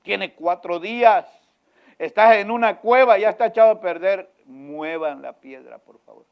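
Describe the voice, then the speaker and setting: A male preacher acting out an anxious grieving woman who pleads, moving from whispers to loud protests. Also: medium pitch, fairly even intonation, unhurried, vocal fry, clear, resonant tone, muffled recording. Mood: pleading.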